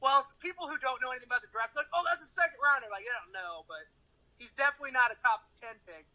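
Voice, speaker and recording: A man's voice: very high-pitched, rapid-fire, pushed and bright, poor audio. A man on a video call in a casual draft chat, blunt and opinionated about picks. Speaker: co-host, football fan.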